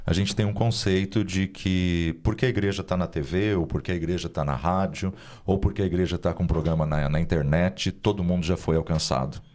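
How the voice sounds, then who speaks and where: Male pastor, low voice, earnest storyteller in an interview. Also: fairly even intonation, brisk, darkish tone. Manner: earnest, narrative, with many "né?" tags. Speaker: pastor and guest speaker.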